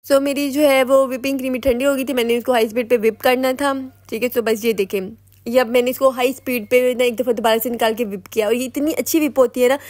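Woman, Pakistani Urdu accent, high voice, chatty baking tutorial, repeats herself, dry close phone mic. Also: a little mellow, dry recording. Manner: chatty, instructive, repeats "ठीक है". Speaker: home baker and vlogger. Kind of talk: cooking tutorial voice-over.

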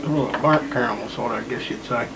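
A man with a pipe in his mouth gives a slow, folksy spoken review of pipe tobacco at home, murmuring his appreciation. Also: mid-range voice, heavy background noise.

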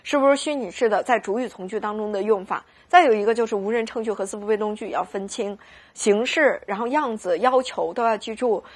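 A woman teaching a recorded grammar lesson, pausing constantly to ask her students rhetorical questions. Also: mid-range voice, breathy edge.

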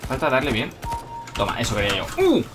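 Young Spaniard for live game commentary, Spain accent, excitable, swinging pitch, music underneath. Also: male voice, fast. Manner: excitable, bursts into shouts and playful taunts at opponents. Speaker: gaming commentator. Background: electronic background music.

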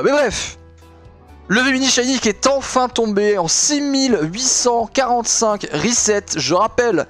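A young man streaming live, chatting with viewers in a rambling way with lots of fillers. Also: high voice. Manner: excitable, shouting and laughing with joy. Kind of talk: live stream reaction and chat.

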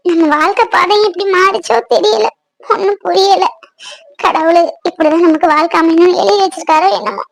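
A woman voicing a caring young village woman in a cartoon, confiding and reassuring in a gentle way. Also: extremely high pitch, steady tone, brisk, creaky, low-quality recording. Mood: wistful. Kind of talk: cartoon voice acting.

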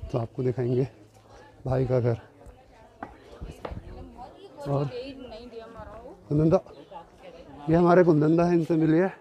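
A man's voice: on the high side, measured pace, lo-fi sound, a faint crowd. A young man from Uttarakhand, India, with a slightly sore throat, walking through outdoor market streets and chatting to viewers as he guides a tour, recorded on a phone camera with background music. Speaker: vlogger. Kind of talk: walking city tour vlog.

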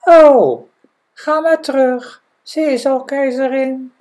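A woman's voice: sits high, fairly even intonation, takes it slowly, dark tone, voice pushed up. Curt magic fish in a storybook, short clipped answers, voiced by a woman narrator.

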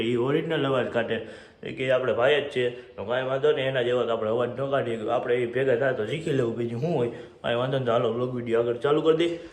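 A male vlogger, chatting casually to viewers on his phone camera as he goes about town. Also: medium pitch. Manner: chatty, greets viewers warmly with devotional calls. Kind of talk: casual vlog chat. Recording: noisy street background.

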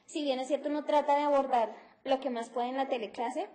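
A woman's voice: sits high, fairly even intonation, brisk, warm tone. A middle-aged woman, teaching an English phonetics class on TV and explaining sounds step by step, mixing in English. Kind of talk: televised class lecture.

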